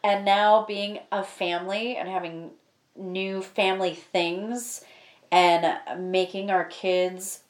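A woman's voice: medium pitch, steady tone, slow. A woman co-hosting a casual chat, reflective and agreeable. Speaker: podcast co-host. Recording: roomy echo.

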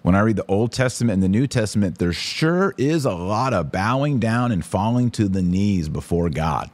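Reading viewer comments on a livestream, this podcast host and author keeps things casual, blunt and conversational, addressing his audience directly. He speaks at normal speed in a lowish, darkish male voice with lively intonation, recorded dry.

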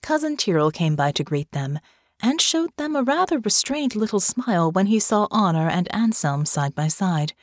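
A woman narrating an audiobook in a measured storytelling manner on a close mic. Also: medium pitch, lively intonation, dry recording. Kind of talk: scripted narration.

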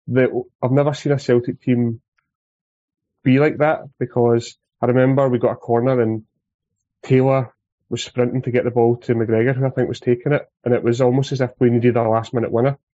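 Male Scottish podcast guest, relaxed dark tone, little pitch movement, casual football talk, dry lo-fi sound. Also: fairly quick, no echo.

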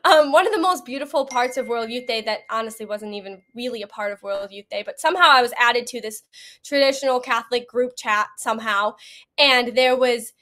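Her voice is a little high and somewhat bright. She is a young woman attending World Youth Day, interviewed as a guest, and she earnestly describes what she witnessed in a chatty style full of "you know."

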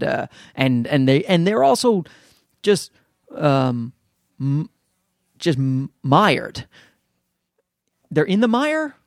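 A man's voice: on the high side, no room sound, clean studio sound. A man with a Newfoundland accent doing a casual solo podcast rant, rambling, self-deprecating and sweary. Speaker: podcast host and amateur comedian.

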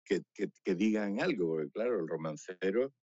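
A man, a romancero performer telling anecdotes in a chatty, animated way and laughing often. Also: low voice, normal speed, no echo. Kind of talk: casual interview storytelling. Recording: slightly dull, dry radio recording.

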